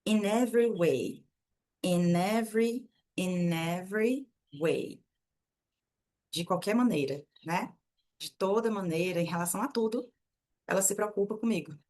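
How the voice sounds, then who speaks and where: A young Brazilian woman, a native Portuguese speaker, teaching English and reading passages aloud slowly and clearly. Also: fairly low pitch, darkish tone. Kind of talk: language lesson with slow read-aloud.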